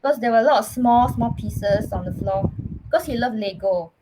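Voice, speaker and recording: A woman with a Singaporean English accent speaks in a fairly high voice, earnest and halting, restarting her phrases as she tells her own story. A clear hiss and clicks sit under the recording. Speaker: podcast guest. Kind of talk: personal storytelling in casual chat.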